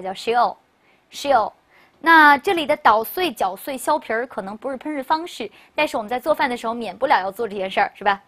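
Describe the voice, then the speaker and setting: Female language teacher, slightly high pitch, brisk drill-leading delivery with rhetorical questions. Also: fairly bright tone. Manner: brisk, leads repeat-after-me word drills; chatty, asks rhetorical questions. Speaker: English teacher. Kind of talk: recorded classroom lecture.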